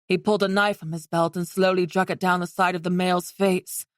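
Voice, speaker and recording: A woman reading a fantasy romance audiobook in steady scripted narration. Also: on the low side, brisk, no echo, studio quality.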